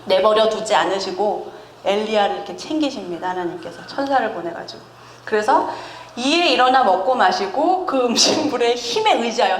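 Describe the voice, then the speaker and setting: A woman in her thirties preaches in a chatty, animated way, laughing often and teasing her listeners. Her voice sits fairly high. It rings through an echoey church hall, with a faint hum of ambience behind her. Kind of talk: conversational sermon. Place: church sanctuary.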